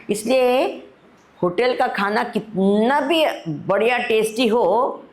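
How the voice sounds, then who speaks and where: A fairly high-pitched woman gives a spiritual discourse at a camp, taking her time. She frequently poses questions to the audience and moves between Hindi and English.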